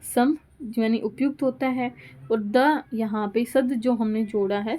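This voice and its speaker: A woman's voice: fairly high pitch, dark tone. Woman teaching Hindi grammar, step by step. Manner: explains step by step, repeats examples aloud. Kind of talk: classroom lecture.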